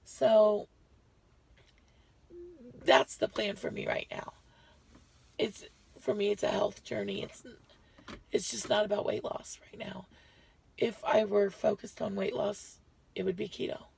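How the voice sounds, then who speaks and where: A woman's voice: medium pitch, fairly even intonation, unhurried, gravelly, pauses often, darkish tone, breathy edge. A woman vlogger giving a chatty, rambling health update to her viewers, short of breath and often correcting herself. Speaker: lifestyle vlogger.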